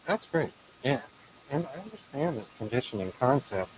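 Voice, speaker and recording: A man's voice: mid-range voice, very animated, moderate pace. A man hosting a casual interview, chatting with his guest in a muffled-sounding voice. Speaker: show host interviewing a guest. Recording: muffled audio with clear hiss and noise.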